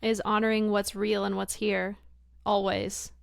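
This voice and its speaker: A woman co-host speaks slowly and reflectively, offering supportive affirmations to her partner. Her voice has a gravelly fry. The recording is dry, with no room echo. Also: medium pitch, flat delivery. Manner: slow, affirming replies with reflective remarks. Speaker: podcast co-host. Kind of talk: candid podcast conversation.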